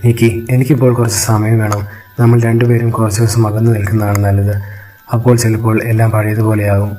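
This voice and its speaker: A man voicing a troubled young man who speaks gently and calmly in a storytelling recap. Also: lowish voice, fast talker, close to an everyday voice, rough recording. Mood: gentle. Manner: calm, gentle.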